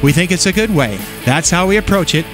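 A man's voice: high voice, animated, brisk, over music. A man speaking for an auction company in a commercial, friendly and plain-spoken. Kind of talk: conversational commercial.

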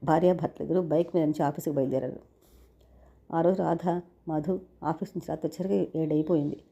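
A woman narrating a family story in a brisk, steady manner. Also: low voice, creaky, husky.

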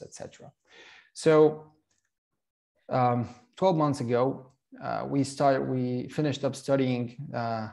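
A middle-aged man from Slovenia presents his company to an online workshop, his voice carrying a gravelly edge. He talks haltingly, filling gaps with fillers and restarting phrases. The sound comes through a video call from a home office. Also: medium pitch, darkish tone. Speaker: startup CEO presenting.

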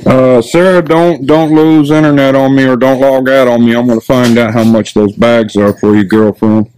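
A man's voice: medium pitch, fairly even intonation, moderate pace, a little mellow, smooth, poor audio. Joking man live-streaming a store tour. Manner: joking, rambling, folksy. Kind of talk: casual live-stream shopping commentary. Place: indoor discount store.

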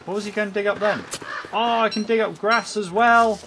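A man giving jokey let's-play commentary, chatting to his in-game pet and swinging from bragging excitement to comic panic. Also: high voice, brisk, background noise. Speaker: gaming YouTuber.

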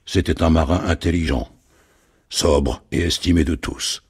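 A man narrating a dramatic story in an expressive, theatrical reading. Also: a bass voice, unhurried, breathy edge.

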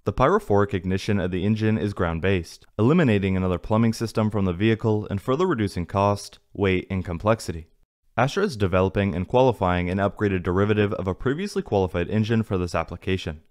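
Man, lowish voice, scripted voice-over, even technical delivery. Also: fast. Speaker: narrator of a space news channel. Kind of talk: scripted narration. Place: voice-over, not in the pictured places.

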